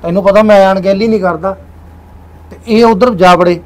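A man's voice: sits high, steady tone, a little fast, lightly acted. A young man playing a controlling husband with a secret in a short film, insistent and brusque. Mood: scheming. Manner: insistent, brusque, repeats himself. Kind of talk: Punjabi short film acting.

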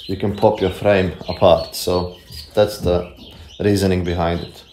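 While working, a male homesteading vlogger in his thirties chats to camera from a stone workshop shed, phone held out at arm's length. His mellow voice sits low with little pitch movement and a measured pace, and he is casual, self-deprecating and heavy on fillers. Echo and faint background noise fill the shed.

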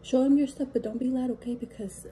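A woman's voice: high voice, steady tone, fast, dark tone. A young adult woman, a mother, chatting casually and teasing playfully in a vlog from a car. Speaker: vlogger and mother. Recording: car and street noise behind.

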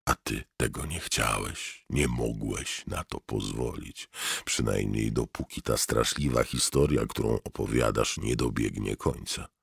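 Male reader playing a low, gravelly accusing inner voice, hushed and slow, audiobook. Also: dry recording, studio quality, heavily acted. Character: accusing inner voice of a haunted man. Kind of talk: audiobook narration.

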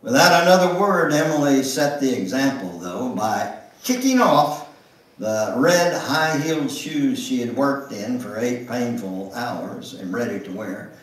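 Slow, expressive man reading in an echoey church. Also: mid-range voice, distant mic. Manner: expressive, slow, with big swings in delivery. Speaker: guest speaker. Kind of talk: dramatic reading of a memoir. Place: church sanctuary.

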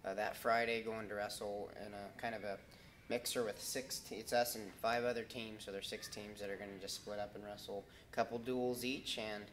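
Wrestling coach in his 30s, lowish voice, lots of ums, faint room hum behind. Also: little pitch movement, fairly bright tone. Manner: halting, many ums and restarts. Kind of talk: casual interview answers. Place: school wrestling room, indoors.

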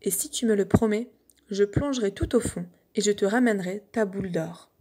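A woman voicing an insistent frog in a fairy tale, in a high, sing-song calling voice. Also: brisk, dark tone, a little hiss or hum, lightly acted. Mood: coaxing.

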